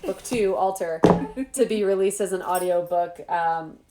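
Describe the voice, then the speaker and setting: A woman's voice: fairly low pitch, measured pace, a crowd in the background. Woman host, casual at-home chat, bubbly with frequent laughs, echoey room sound. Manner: bubbly, laughs often, animated asides. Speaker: author hosting an interview.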